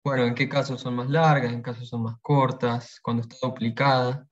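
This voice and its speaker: A man's voice: mid-range voice, flat delivery, fairly quick. A man teaching a pronunciation workshop, explaining patiently and repeating example words. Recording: dull lo-fi sound.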